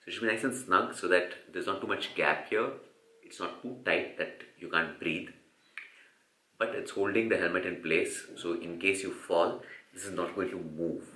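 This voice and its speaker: A chatty Indian man in his forties talks to a handheld camera, explaining each step in an upbeat way. His voice sits low but sounds bright and forceful. The rooms echo, with a faint hum of traffic behind him. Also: moderate pace. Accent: Indian English. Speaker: cycling vlogger. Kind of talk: casual vlog narration to camera. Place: hotel room, car and street at night. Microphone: handheld camera at arm's length.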